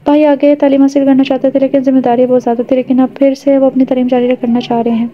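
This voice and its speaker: A woman voicing a gentle, coaxing young village girl in an audiobook, earnest and reassuring. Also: high voice, flat delivery, highs cut off, natural voice. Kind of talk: audiobook character reading.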